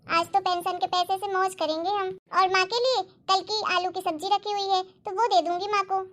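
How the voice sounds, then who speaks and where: A woman's voice: very high voice, level tone. Woman playing a nagging selfish daughter-in-law. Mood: scheming. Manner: fast, sharp-tongued and complaining. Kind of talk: family drama acting.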